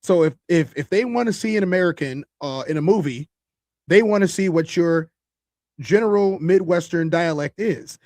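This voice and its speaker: A man hosts a casual podcast, his voice pitched high for a man. He talks loosely to his viewers and thinks aloud with restarts. The sound is dry and close. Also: normal speed, a little mellow, dry recording. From Chicago. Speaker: podcast host.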